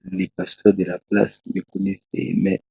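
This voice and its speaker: A preacher from Congo, on a talk show as a guest, tells his testimony in a very low, gravelly, monotone voice with a husky edge. He goes slowly and haltingly, often restarting sentences, in a dull, dry, lo-fi recording with no room sound.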